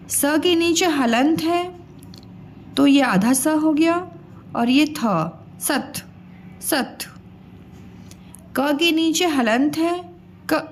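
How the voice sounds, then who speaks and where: A woman teaching young children a grammar lesson, slowly sounding out words syllable by syllable. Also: sits high, a little hiss or hum.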